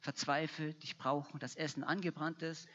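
A woman's voice: sits low, fairly even intonation, normal speed, a bit bright, a little hiss or hum. A woman preaching a sermon, emphatic and repetitive, building to fervent passages. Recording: dull lo-fi recording.

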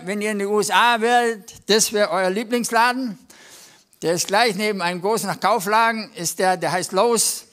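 A man with a high, somewhat bright voice preaches at a church service, delivering a lively sermon built on everyday anecdotes. He tells the stories conversationally and acts out the voices of the people in them.

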